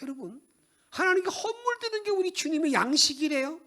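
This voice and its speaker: Animated man preaching a Sunday sermon. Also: extremely high pitch, brisk. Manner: animated preaching with dramatic soft asides. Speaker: pastor, bishop. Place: church sanctuary.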